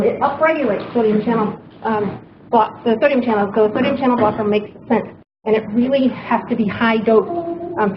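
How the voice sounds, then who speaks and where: Hesitant woman doctor giving a talk. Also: fairly high pitch. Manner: hesitant, many ums. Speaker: doctor, conference speaker. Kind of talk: conference talk. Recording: muffled, noisy hall recording.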